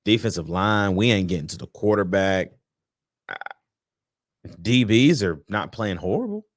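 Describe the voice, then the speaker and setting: A man with a low voice who swings his pitch widely while he talks through a game preview. He speaks like a fan, casual and slangy, stumbling and restarting as his thoughts come. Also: animated, measured pace. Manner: conversational, repeats and restarts, slangy. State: sleepy, yawning. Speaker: sports podcast host.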